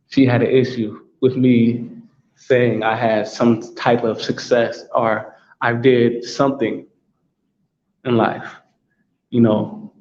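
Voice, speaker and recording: Warm and medium-pitched, an American man's voice carries a solo talk show monologue in which he stresses and restates the same points repeatedly. The sound is slightly dull lo-fi with a faint background hum.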